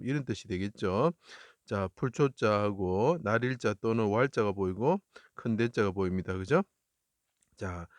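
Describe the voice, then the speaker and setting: A man's voice: on the low side, dry recording. A man from Daegu explaining Chinese characters in Bible verses, earnest and repetitive, lifting his voice when he quotes scripture. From Daegu, South Korea.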